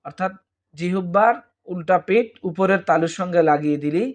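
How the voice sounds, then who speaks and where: A man's voice: high voice, fairly quick. A man with a Bangladeshi Bengali accent teaching Arabic letter pronunciation, drawing out each letter and repeating it for listeners to copy. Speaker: Quran teacher.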